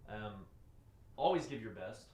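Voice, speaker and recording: A man teaching a live-streamed lesson, repeating key phrases and moving between loud excited bursts and soft, low delivery. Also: a little slow. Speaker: presenter teaching webinar skills. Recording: roomy echo.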